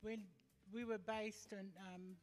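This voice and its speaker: A woman in her fifties from Tonga, talking as a guest in an on-stage interview, halting and full of fillers, holding a handheld mic. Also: medium pitch, fairly even intonation, a little mellow, faint music behind. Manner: hesitant, halting with many fillers. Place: large hall with stage and audience. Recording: long hall reverb.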